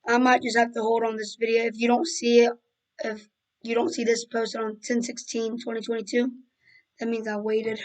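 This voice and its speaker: A woman hosts a casual coding tutorial while she is losing her voice, so her speech comes out hoarse. Her voice sits fairly high but stays flat and even in pitch. She rambles, restarts sentences and fills pauses as she works. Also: poor audio. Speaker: tutorial host. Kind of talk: screen-recorded coding tutorial.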